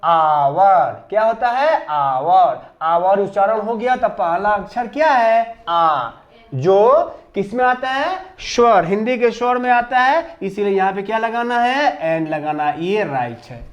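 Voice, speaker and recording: A man with a Hindi accent teaches a classroom lesson and keeps asking his pupils the same questions over and over. His voice sits high and he talks in an unhurried, measured way. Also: expressive, dull audio. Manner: call-and-response drilling, repeats questions to pupils. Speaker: English grammar teacher.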